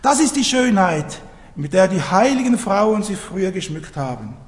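Middle-aged male preacher, animated and high-pitched, conversational sermon in a reverberant church hall. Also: normal speed. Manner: lively, conversational, asks the congregation questions.

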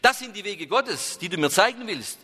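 A man's voice: a little high, big pitch swings, brisk, sharp tone. A man voicing an agitated, doubting old male hermit who cries out in a raised voice, in a reverberant hall. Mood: outraged. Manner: outraged, rising voice.

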